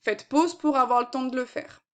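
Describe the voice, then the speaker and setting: High-voiced woman teaching maths. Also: moderate pace, a little mellow. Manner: patient, step by step, frequent fillers. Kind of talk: recorded maths lesson.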